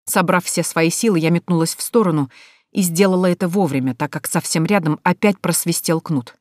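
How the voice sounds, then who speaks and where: An audiobook narrator reads a novel from a script in a steady, expressive way. The mid-range voice moves fairly quickly, and the recording is dry and studio quality.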